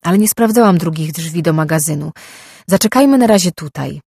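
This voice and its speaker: A narrator voicing a wary, sharp-tongued young woman who gives brisk directions in a slightly raised voice. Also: mid-range voice, lively intonation, vocal fry, slightly rough, dry recording, studio quality. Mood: urgent.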